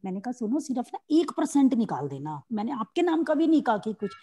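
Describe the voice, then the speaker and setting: A woman with a husky, dark voice that sits a little high for her sex. She asks for advice and talks at length, airing her complaints about her household. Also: very animated, fast talker. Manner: complaining, talkative. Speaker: visitor seeking advice. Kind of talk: casual conversation.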